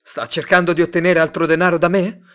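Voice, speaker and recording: A man reading a story aloud, voicing an agitated young man desperate in love who pleads and shouts. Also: medium pitch, very animated, moderate pace. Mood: shouting.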